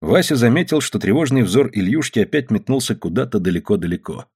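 A man narrating an audiobook in a measured storytelling manner. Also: medium pitch, expressive, darkish tone, slightly rough. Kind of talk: scripted narration.

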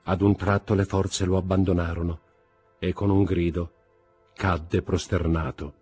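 A man reading a classic novel aloud as an audiobook narrator, in a measured, dramatic way. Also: deep voice, level tone, darkish tone, slightly rough, faint music behind. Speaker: audiobook reader.

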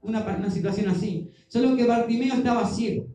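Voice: medium pitch, fast talker, warm tone. A preacher, telling a Bible story in a sermon and acting out the voices of its people. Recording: very echoey room with music behind.

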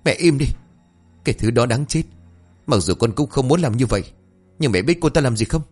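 A man's voice: medium pitch, lively intonation, a little fast, husky, faint music behind, voice pushed up. A man voicing an enraged, violent young husband with a raised, harsh delivery, in an audio story. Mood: bitter. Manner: shouting accusations, raised and harsh.

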